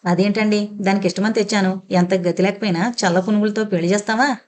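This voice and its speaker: A woman's voice: medium pitch, steady tone, quick pace, a little mellow, close to an everyday voice. A woman voicing a proud, blunt middle-aged mother in an audio novel.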